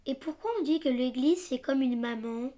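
High, mellow female pupil voice. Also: normal speed. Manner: short, simple, inquisitive questions. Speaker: pupil asking questions. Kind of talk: scripted children's lesson dialogue.

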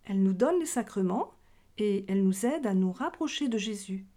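A woman catechism teacher gives a children's religion lesson in question-and-answer dialogue, explaining things simply as though to young listeners. Her medium-pitched voice is animated and mellow at a moderate pace.

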